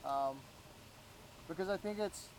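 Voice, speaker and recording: A Florida real estate agent guesting on a relaxed podcast brings his stories to life by voicing the people he quotes. His high voice keeps a measured pace, captured in a low-quality recording with slight background noise.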